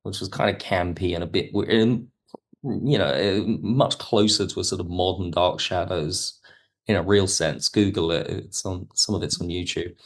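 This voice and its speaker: In a casual interview on a podcast, a writer-director reflects eagerly on his projects. His low-pitched voice stays steady, moving at a moderate pace.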